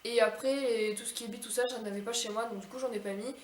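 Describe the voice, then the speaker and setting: A woman's voice: on the high side, steady tone, fast talker, a little hiss or hum. A woman chatting casually to her viewers at the end of her craft vlog, rambling with fillers. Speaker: DIY craft vlogger. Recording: echoey room.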